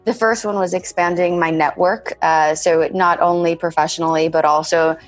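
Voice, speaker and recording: A woman of about thirty, born in Bulgaria and raised in California, answers interview questions as an MBA graduate. She speaks in a low, level voice with fairly even intonation, measured and often saying "kind of." The recording is dry, with faint music in the background.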